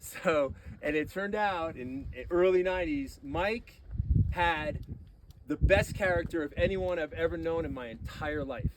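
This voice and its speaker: A man telling rambling anecdotes about a friend at a memorial gathering, getting animated as he relives the tense moments. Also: fairly high pitch, unhurried, background noise. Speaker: eulogy speaker. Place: gathering on a deck.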